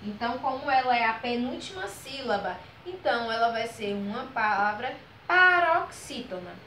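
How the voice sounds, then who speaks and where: A woman gives a grammar lesson in a bright, slightly high, expressive voice, patiently stretching out each example word. She often checks in with students using "ok?" and "certo?", and the echoey recording carries faint room noise.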